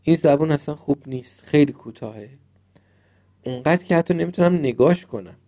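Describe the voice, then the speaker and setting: A man's voice: a little high, animated, warm tone. A man doing a sulky little frog prince. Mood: grumpy. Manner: complaining, stubborn.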